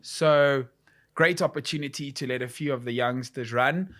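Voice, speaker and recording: A man co-hosting a casual sports chat, laid-back with quick quips. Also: medium pitch, fairly bright tone. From South Africa. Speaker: co-host.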